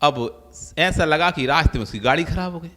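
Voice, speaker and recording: Male monk preacher, bright forceful tone, storytelling sermon, echoing hall. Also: fairly high pitch, normal speed. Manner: storytelling with acted-out quoted voices. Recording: long hall reverb.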